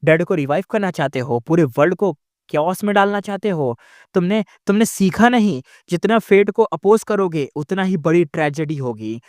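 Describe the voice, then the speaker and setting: A furious master immortal scolds and gives commands in a harsh, raised voice, as a storyteller acts him out. He sounds fairly high for a man and forceful. The voice is dry, with no room echo. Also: lively intonation, normal speed. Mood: angry scolding. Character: stern, angry old male master immortal.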